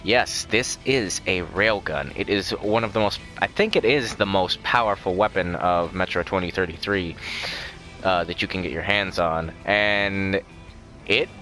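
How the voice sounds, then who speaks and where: A man's voice: deep voice, measured pace, bright, forceful tone. A young man hosting a casual let's-play, rambling and joking as he goes, often correcting himself. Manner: chatty, rambling, jokey, with self-corrections. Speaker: gaming channel host. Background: game music.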